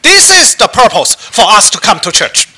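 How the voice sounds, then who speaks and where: A man interpreting a sermon into a pulpit microphone in a church, halting and restarting as he goes. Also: high voice, very animated, sharp tone, slightly rough.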